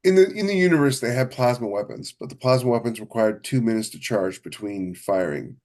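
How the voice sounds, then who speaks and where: In casual podcast conversation, a man who co-hosts the show and writes science fiction speaks with emphatic enthusiasm, frequently repeating himself. His mid-range voice is expressive and slightly mellow, moving a little fast.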